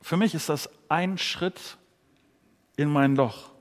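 High-voiced preacher in reverberant hall. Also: male voice, takes it slowly. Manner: earnest, addresses listeners directly. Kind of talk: sermon.

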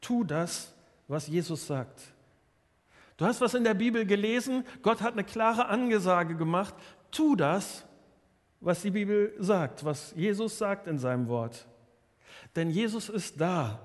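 A man's voice: high-pitched, expressive, a little slow, in a large hall. A man preaching a sermon earnestly, often restarting and repeating his words. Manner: earnest, many restarts and repetitions.

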